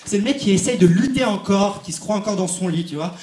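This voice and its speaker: A young male stand-up comic working a theatre crowd, chatty and direct. His voice sits fairly high for a man. The big room gives it a roomy echo. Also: fast, darkish tone. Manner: chatty, addresses the audience directly. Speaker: stand-up comedian. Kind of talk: stand-up comedy set. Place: comedy stage in a large theatre. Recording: echoey theatre.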